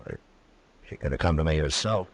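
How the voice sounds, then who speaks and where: A man playing a calm, authoritative frontier marshal in a radio western, with an American accent and a measured, laconic delivery. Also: extremely low pitch, exaggerated voice. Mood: easygoing. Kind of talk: 1950s radio western acting.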